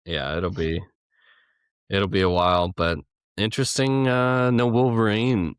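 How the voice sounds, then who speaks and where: Young male podcast co-host, very deep voice, rambling and laid-back, dry close sound. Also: steady tone, a little slow, smooth, dry recording. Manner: rambling, laughs between thoughts. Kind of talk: casual gaming podcast chat.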